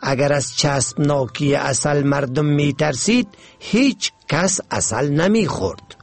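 A greedy, headstrong little ant, as a man puts him on in a storybook tale, raised above the narrator's own voice and shrill. He speaks, insistent and boastful, with a lively, swinging pitch. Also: vocal fry, dry recording. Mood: scornful. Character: greedy stubborn male ant craving honey.

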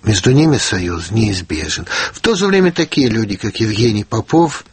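A fifty-year-old man from the Soviet Union, a writer answering in a radio interview, speaking in a measured, reflective way with frequent hesitations. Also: on the low side, sing-song, darkish tone, slightly rough, dry recording. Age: 50s. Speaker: guest writer.

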